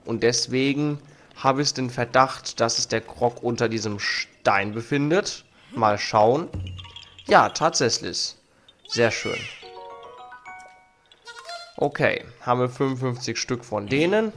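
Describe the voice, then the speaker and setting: Taking it slowly with frequent pauses, a young man who has a cold hosts a let's play, casually commenting and reading the game's text aloud. His medium-pitched voice is a bit bright, captured by an arm-mounted studio mic with faint game music behind.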